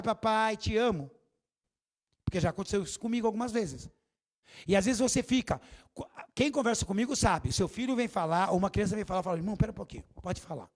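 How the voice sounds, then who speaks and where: A man preaching a sermon as bishop in a church, lively and theatrical. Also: high-pitched. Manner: animated, theatrical preaching with acted quotes.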